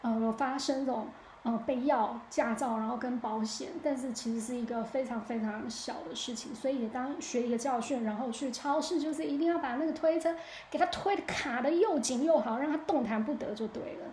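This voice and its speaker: A woman's voice: sits high, fairly quick, darkish tone, a little hiss or hum. A woman hosting her own podcast, telling a story about her own mishap in a candid, chatty way. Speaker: podcast host. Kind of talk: casual solo storytelling. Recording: echoey room.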